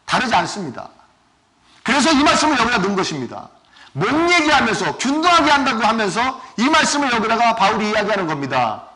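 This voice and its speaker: A male pastor giving a sermon, asking his congregation questions and swinging between loud and soft. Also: very high voice, very animated, fast. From South Korea. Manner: asks the congregation questions often.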